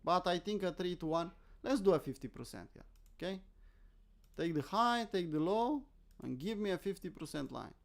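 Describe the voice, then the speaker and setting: This Romanian-accented host, a crypto trader from Romania, keeps his live trading commentary casual and self-deprecating, regularly questioning and answering himself. He speaks at a normal speed in a high, animated voice with vocal fry.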